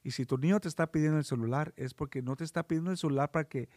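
A man's voice: fairly high pitch, rapid-fire, darkish tone, dry recording, clean studio sound. A man co-hosting a podcast, casual and earnest as he advises parents. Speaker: podcast co-host. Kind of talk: casual chat.

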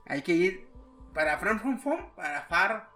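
A Mexican man with a high voice chats casually in a podcast, full of slang and swearing. He tells anecdotes and acts out other people's lines. Faint music plays underneath. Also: big pitch swings, unhurried, pushed and bright. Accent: Mexican Spanish. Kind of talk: casual chat.

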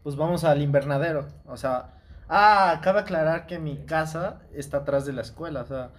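A young man with a Mexican accent, telling an animated, slangy story in casual chat. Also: a little high, moderate pace.

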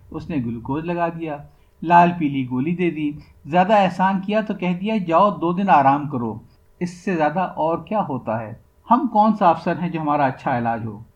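A man reading aloud a recorded interview for a podcast, with the questions pitched higher than the answers. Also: highs cut off. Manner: reads the questions at a raised pitch. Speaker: podcast reader.

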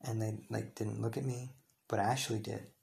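Young male podcaster, low gravelly voice, rambling and heated delivery. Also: little pitch movement, moderate pace, a little mellow. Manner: rambling, heated, many restarts and fillers. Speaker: podcast host. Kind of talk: casual storytelling monologue.

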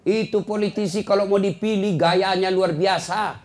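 A man's voice: high-pitched, fairly even intonation, normal speed. A man preaching a humorous sermon to a congregation, joking and scolding in turn, from Sulawesi. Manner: joking, scolding, mocks boastful people in put-on voices.

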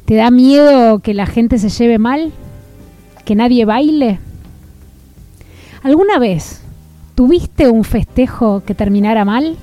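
A woman with an Argentine accent hosting a show in calm, scripted narration and asking listeners questions. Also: on the high side, takes it slowly, long pauses, faint music behind. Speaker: podcast host.

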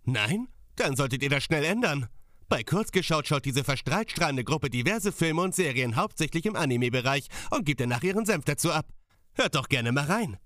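A man hosts a casual comedy podcast. His bright voice moves animatedly up and down, with a dry, close sound. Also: a little high, sing-song, normal speed, no echo. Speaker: podcast host. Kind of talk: casual comedic podcast talk and reading aloud.

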